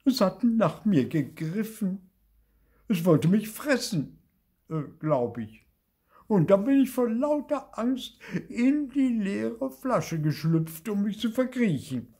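A man's voice: high-pitched, very animated, takes it slowly, mellow, husky, pitched above the performer's own voice, exaggerated voice. An older man reading aloud and voicing a timid ghost girl who whimpers and stammers in fear. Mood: wailing scared. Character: timid wailing ghost girl, always scared.

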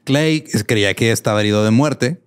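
A man's voice: medium pitch, moderate pace, clear, resonant tone. A man with a Mexican Spanish accent co-hosting a casual comedy history podcast, reading quotes aloud and laughing often. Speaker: podcast co-host telling a history story.

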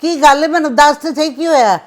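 A woman's voice: high-pitched, quick pace, close to an everyday voice. A woman playing a worried older mother. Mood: coaxing. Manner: coaxing, pleading.

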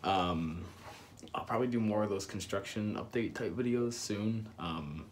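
A young man in his twenties giving a quiet, laid-back sign-off to a phone camera held at arm's length in a small room. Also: fairly low pitch, normal speed, slight background noise, lightly acted. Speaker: vlogger.

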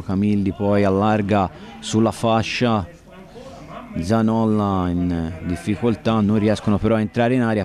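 A man giving football play-by-play commentary, with breathless, excited goal calls. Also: lowish voice. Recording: crowd noise of an outdoor stadium. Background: outdoor stadium crowd sounds.

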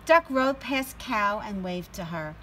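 A middle-aged woman reads a picture book aloud to children outdoors on a patio, in a slow, storytelling style. Her mid-range voice has lively intonation and a sharp tone, delivered a little slowly. The audio is poor, with some background noise and outdoor ambience.

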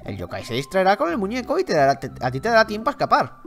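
A man with a Spain Spanish accent reading aloud the lines of a chatty, tiresome male game character, a bit lower and softer than his own talk. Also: huge pitch swings, rapid-fire, slight background noise, exaggerated voice.

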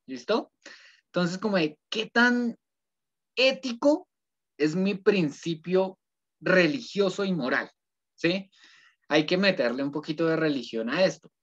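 A man's voice: fairly high pitch, unhurried. A male ethics teacher, giving an online class in a conversational way, often checking in with students and rephrasing his points. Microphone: computer mic on a video call. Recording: dull lo-fi video call audio.

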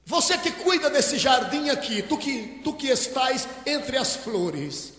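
A man's voice: very high voice, sing-song, slow pace, a bit bright, exaggerated voice. A man voicing a devoted woman mourner who pleads earnestly and repeats herself, in an echoey hall. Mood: pleading.

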